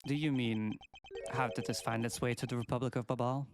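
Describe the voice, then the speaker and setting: A man's voice: medium pitch, fairly even intonation, a little fast, faint music behind, lightly acted. A man voicing a stern, formal investigator in a video game, speaking in precise, logical arguments. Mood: pensive. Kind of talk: video game voice-over read live.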